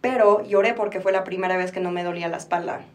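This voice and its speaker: A woman's voice: lowish voice, steady tone, fast, recorded from a distance. A woman in her twenties from Mexico with a Mexican Spanish accent, a podcast guest speaking openly and reflectively, now and then slipping English phrases into her Spanish. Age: 20s. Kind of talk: candid personal interview.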